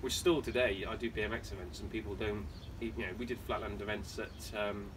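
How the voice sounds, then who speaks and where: A fast-talking man with a slightly low voice, rambling through his answers with fillers and restarts. He sounds set back from the mic, with clear noise behind him. The talk is a casual podcast interview. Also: steady tone, far from the mic. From Wales. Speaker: professional BMX flatland rider, guest.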